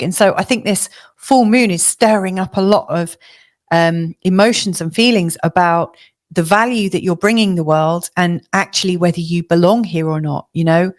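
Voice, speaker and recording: Female astrologer, chatty, slightly hoarse, low-ish voice, lots of ums. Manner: chatty, many fillers and restarts. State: slightly hoarse, losing her voice. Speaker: astrologer giving a weekly forecast. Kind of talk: casual spoken forecast to camera.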